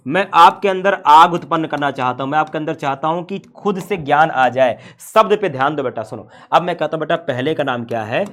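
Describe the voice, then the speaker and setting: A man's voice: a little high, a little fast, few pauses, a bit bright. A man teaching a science class, playful and full of rhetorical questions to his students.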